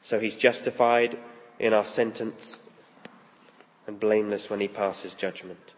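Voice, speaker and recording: A man leading a church service as pastor, praying softly and slowly with long pauses, then reading scripture aloud with rising emphasis. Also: on the low side, steady tone, faint music behind. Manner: slow, soft prayer with long pauses. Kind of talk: prayerful sermon. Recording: long hall reverb.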